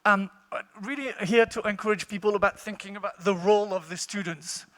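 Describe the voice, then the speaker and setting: Man, very high light voice, womanly timbre, conversational conference talk, direct to audience, handheld mic. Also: fairly even intonation, brisk, fairly bright tone, in a large hall. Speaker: teacher, conference participant. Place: large indoor conference hall. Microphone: handheld microphone.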